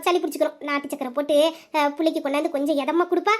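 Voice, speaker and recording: Doting, bossy village mother, played by a woman. Shrill, rapid voice. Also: steady tone, a little mellow, close to an everyday voice. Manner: fussy and sentimental, gives orders quickly. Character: doting village mother, fussing over her favourite son.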